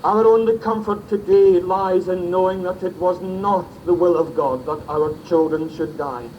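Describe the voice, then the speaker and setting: A male minister delivering a grave, solemn sermon at a memorial service, with emphatic pauses, heard from an old cassette recording. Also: sits high, fairly even intonation, lo-fi sound. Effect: faint tape hiss of an old cassette recording.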